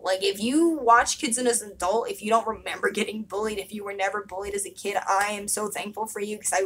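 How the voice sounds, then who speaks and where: A young woman talks straight to the camera in a casual confessional vlog, blunt and emphatic, peppering her speech with fillers and curse words. Her voice sits at an ordinary middle pitch. A faint hum of room ambience hangs behind her. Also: poor audio. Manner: candid, emphatic, frequent swearing and fillers. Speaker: vlogger.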